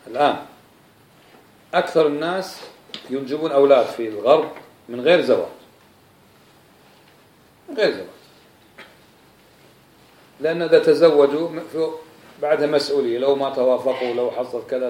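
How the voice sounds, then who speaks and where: A man preaching a sermon, rising to loud insistent emphasis and then dropping low. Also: fairly quick, pauses often, echoey room, slight background noise.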